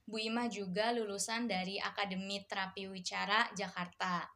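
A woman's voice: medium pitch, level tone, moderate pace, pushed and bright. A woman hosting an interview show, asking her guest questions in a friendly, chatty manner. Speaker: interview host.

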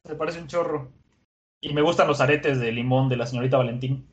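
A man casually recapping an episode, animated and chatty with many fillers. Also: medium pitch, brisk, highs cut off.

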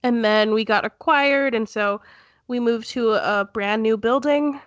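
A woman's voice: on the high side, a little slow, no room sound, muffled recording. A young woman with a stuffy, congested nose, co-hosting a casual chat in a giggly, rambling way. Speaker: podcast co-host.

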